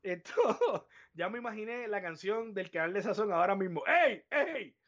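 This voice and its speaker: Animated man, lo-fi stream. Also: sits high, normal speed. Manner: animated, profane, acts out reactions. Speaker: podcast co-host. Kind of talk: casual live podcast chat.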